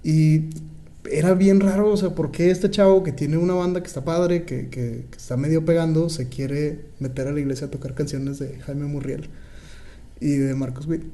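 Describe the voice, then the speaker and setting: A man, co-hosting a podcast and telling stories in an animated way, laughing often. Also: on the high side, normal speed. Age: 20s. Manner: animated storyteller, laughs often, many fillers. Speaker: podcast co-host. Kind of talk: casual podcast conversation.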